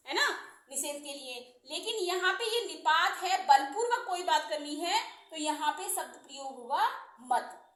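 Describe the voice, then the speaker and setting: Female grammar teacher, high voice, patient and repetitive, recorded in an echoey room. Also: a bit bright. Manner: slow, repeating terms and examples. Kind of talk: explanatory lesson.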